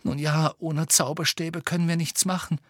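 A man voicing an earnest teenage witch girl who sounds flat and despondent. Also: sits high, moderate pace, no room sound, studio quality, pitched above the performer's own voice.

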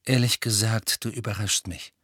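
A man doing a calm, blunt wizard godfather. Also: fairly low pitch, normal speed, slightly rough, no room sound, clean studio sound. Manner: calm, direct.

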